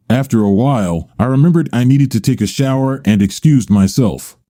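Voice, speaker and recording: A man narrating a first-person story and reading every character's lines in much the same even voice. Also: medium pitch, no echo, clean studio sound.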